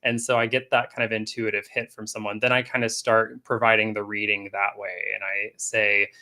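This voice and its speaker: A man speaking as a guest coach in a casual live-stream interview, relaxed, with many fillers and restarts. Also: fairly low pitch, moderate pace. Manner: laughs often. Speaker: guest coach and energy healer.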